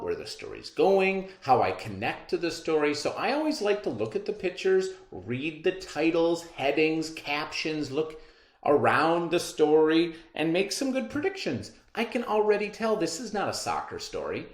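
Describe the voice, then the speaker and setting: A male teacher reads aloud to children in a classroom, his pitch leaping up and down as he explains and reads. He's animated and encouraging at an unhurried pace, and the room echoes noticeably.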